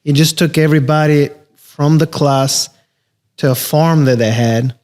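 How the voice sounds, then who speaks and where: A man, a real estate investor talking casually as a podcast guest, relaxed and rambling with many fillers. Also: a little high, measured pace. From Albania. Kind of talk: casual interview conversation.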